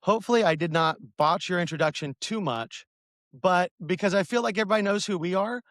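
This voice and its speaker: A man's voice: high voice, quick pace, fairly bright tone, no echo, clean studio sound. A man hosting a podcast panel, chatty and upbeat as he runs the introductions and asks questions. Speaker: podcast host.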